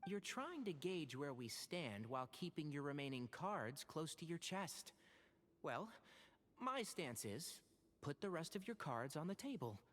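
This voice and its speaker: A man's voice: a little high, very animated, a little slow, a bit bright, exaggerated voice. A man voicing a composed, shrewd young scholar in a video game, articulate, polite and probing. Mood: calm, probing.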